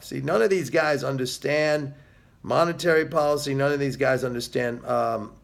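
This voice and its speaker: A man's voice: mid-range voice, vocal fry. A middle-aged man giving solo market commentary to camera, emphatic and sarcastic, with frequent filler sounds. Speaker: video host.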